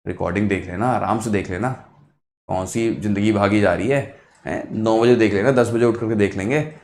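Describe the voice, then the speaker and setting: A man's voice: lowish voice, brisk, darkish tone, echoey room, a little hiss or hum, voice pushed down, close to an everyday voice. A man doing a lazy sleepy brain. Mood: lazy coaxing. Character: lazy comfort-loving brain coaxing sleeper.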